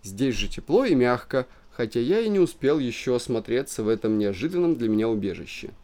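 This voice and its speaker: A pompous, self-important official, read by a man who talks in calm, measured phrases. He lays down his views with a slightly raised, lively pitch. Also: lightly acted. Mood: pompous, composed.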